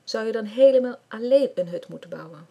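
A woman's voice: on the high side, animated, a little fast, creaky, mellow, voice pushed up. A woman voicing an eager young boy who is a little hesitant at times.

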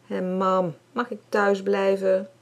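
A woman's voice: mid-range voice, little pitch movement, slow. A woman reading aloud, voicing a whiny, stubborn little boy who stammers when upset. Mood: sulky. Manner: sulky, stammering.

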